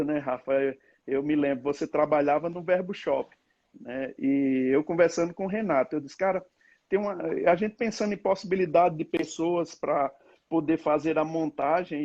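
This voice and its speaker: Church leader guy reminiscing on a live, rambling, slightly high voice, dull audio. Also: a little mellow. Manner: rambling, reminiscing, lots of tag questions. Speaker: apostle. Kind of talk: casual conversation on a live stream.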